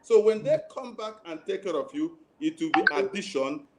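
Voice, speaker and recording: A man's voice: a little high, animated, moderate pace, heavy background noise. Earnest man giving advice. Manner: earnest, pleading, repeats key advice. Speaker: guest financial advisor. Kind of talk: advice in a live online interview.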